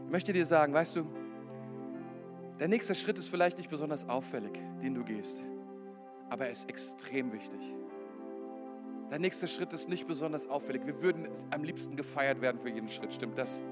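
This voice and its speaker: High-voiced preaching man over music. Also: normal speed, pauses often. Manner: impassioned, swinging from loud exclamations to quiet earnest appeals. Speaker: pastor. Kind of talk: sermon. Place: church hall before a congregation. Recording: with background music.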